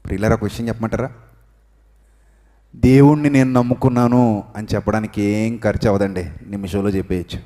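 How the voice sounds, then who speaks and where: A male pastor preaching a sermon, swinging between loud, high exhortation and hushed, low emphasis, drilling the congregation to repeat phrases aloud. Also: steady tone, brisk, pauses often. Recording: long reverb in a hall.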